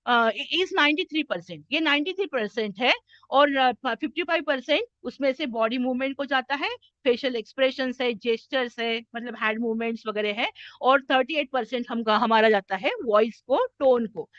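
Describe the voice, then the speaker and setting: An Indian woman soft skills trainer giving a classroom lecture, mixing Hindi and English and often checking in with "है ना?". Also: a little high, moderate pace, no echo, highs cut off. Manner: addresses listeners as "my children".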